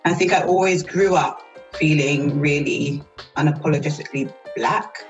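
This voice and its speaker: A woman, a guest on an interview podcast. She talks in a relaxed, chatty and thoughtful way and laughs often. Faint music runs underneath her voice. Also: sits low, moderate pace, highs cut off. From South East London, England. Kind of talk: casual interview chat.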